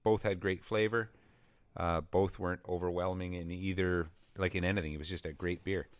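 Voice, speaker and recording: A man's voice: low-pitched, fairly even intonation, moderate pace, no room sound. A man co-hosting a casual podcast, chatting about beer and ranting bluntly about pet peeves. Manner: blunt, grumbling, exasperated in rants. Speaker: podcast co-host. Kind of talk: casual beer-tasting chat and comic rant.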